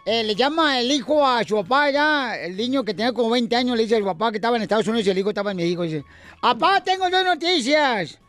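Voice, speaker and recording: A man's voice: extremely high pitch, racing, hardly any pauses, no echo, soft background music. A man hosting a comedy radio show, teasing his co-hosts and telling jokes. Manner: teasing, animated joke-teller. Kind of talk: joking radio banter.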